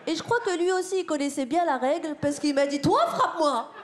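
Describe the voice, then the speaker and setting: A woman performing a stand-up comedy set on a theater stage, talking to the crowd in an animated, slangy way. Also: sits high, fast talker. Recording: live theater with loud crowd noise. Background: audience laughter.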